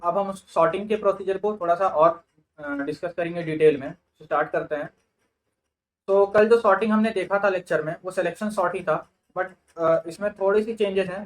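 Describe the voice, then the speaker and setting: High-voiced Indian tutor, step by step. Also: male voice, rough recording. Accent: Indian English. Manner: explains step by step, thinks aloud with fillers. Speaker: computer science tutor. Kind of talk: lecture on sorting in Hindi-English mix.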